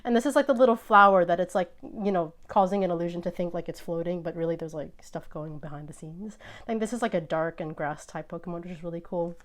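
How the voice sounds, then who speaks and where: A woman hosting a casual unboxing video, chatting excitedly and sometimes tripping over her words. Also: fairly low pitch, fast talker. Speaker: host opening trading card packs.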